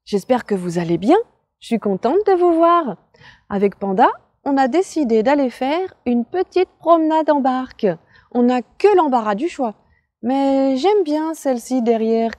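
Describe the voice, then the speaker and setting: A woman hosting for children, greeting them in a bright, sing-song way. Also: high voice, dry recording. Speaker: children's host and storyteller. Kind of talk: children's show presenting.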